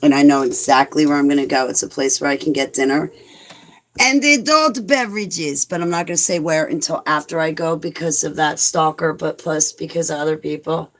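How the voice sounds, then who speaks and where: Reading out live comments, a woman in her forties talks casually to her viewers as a vlogger, self-mocking and rambling with many "like"s. She has a low voice and speaks a little fast.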